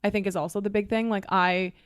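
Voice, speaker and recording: A young woman in her twenties with a smooth, clear voice chats casually on a podcast. She strings her thoughts together with frequent "like" fillers and lively storytelling. The sound is dry and close, with no room around it. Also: medium pitch, fast talker, dry recording. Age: 20s. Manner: chatty, fillers of "like", animated storytelling. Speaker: podcast co-host. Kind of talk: casual chat.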